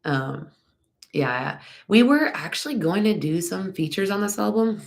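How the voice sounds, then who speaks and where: Low, gravelly congested woman chatting. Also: lively intonation, unhurried. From Texas. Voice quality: slight lisp. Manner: chatty, rambling, many ums. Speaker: band singer answering fan questions. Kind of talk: casual live Q&A chat.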